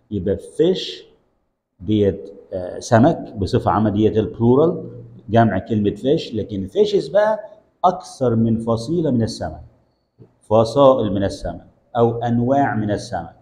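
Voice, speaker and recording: Mellow-voiced Egyptian man teaching English. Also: lowish voice. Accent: Egyptian Arabic. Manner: repeats each example word several times, mixing English into Arabic. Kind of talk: explanatory language lesson.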